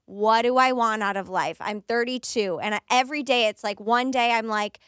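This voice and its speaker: A woman's voice: moderate pace, fairly bright tone, clear, resonant tone, no echo, studio quality. A woman in her thirties in casual podcast chat, talking freely and acting out little quotes along the way. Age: 30s. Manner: chatty, acts out quotes in a higher voice.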